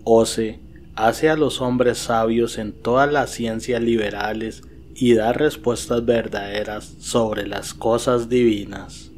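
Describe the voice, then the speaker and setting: A man's voice: mid-range voice, fairly even intonation, slow, darkish tone, a little hiss or hum. A man hosting a horror story channel, giving a scripted narration. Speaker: channel host. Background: faint music.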